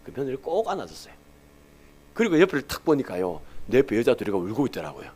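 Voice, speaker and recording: Lively middle-aged pastor preaching. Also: male voice, medium pitch, fast, breathy edge. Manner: animated, swings from soft to loud, playful baby talk in quotes. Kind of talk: sermon with personal storytelling.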